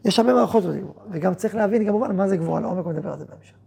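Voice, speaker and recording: A man, a rabbi, teaching a Torah lesson to students, playing out both sides of imagined conversations with quick rhetorical questions and then explaining in a softer tone. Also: high voice, creaky. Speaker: rabbi and yeshiva head.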